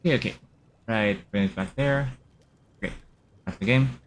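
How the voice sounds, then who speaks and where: A man streaming a video game live, commenting casually in a relaxed, rambling way with many fillers. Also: lowish voice, moderate pace, slight background noise.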